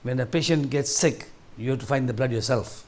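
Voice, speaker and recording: A man in his sixties from Tanzania speaks briskly in a medium-pitched, slightly mellow voice. As guest speaker at a seniors group gathering in a large hall, he gives a loose, rambling talk, restarting sentences as he goes.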